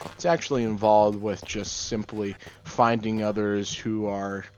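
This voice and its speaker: A young man doing gameplay commentary in a deadpan monotone, rambling through offbeat musings. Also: lowish voice, unhurried, slight background noise. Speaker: gaming channel host.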